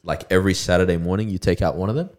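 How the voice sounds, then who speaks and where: A man's voice: sits low, rapid-fire, a little mellow. A young man telling anecdotes in casual chat, slangy, earnest and a bit rambling. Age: young adult.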